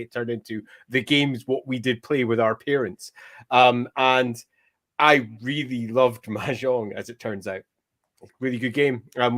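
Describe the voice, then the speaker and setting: A man co-hosting a casual podcast, wry and quick when reading listener comments. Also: mid-range voice, a bit bright. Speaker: podcast co-host. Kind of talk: casual chat.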